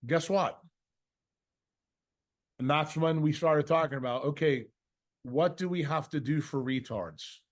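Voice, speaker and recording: With a fairly high voice, he speaks unhurriedly and pauses often while fielding a question in a session he leads. His off-the-cuff answer is blunt and combative, laced with swearing, mocking imitations, and scolding rhetorical questions.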